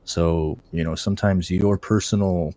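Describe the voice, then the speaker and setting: A man's voice: sits low, steady tone, normal speed, mellow, no echo. A man leading a casual voice-chat guild meeting as raid leader, talking bluntly and swearing freely. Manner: blunt and profane.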